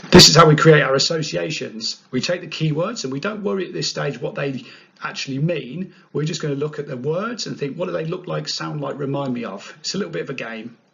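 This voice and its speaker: A man's voice: a little high, brisk, gravelly, fairly bright tone. A man presenting a study tutorial in a playful, upbeat way. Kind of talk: narrated revision tutorial. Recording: dull lo-fi sound.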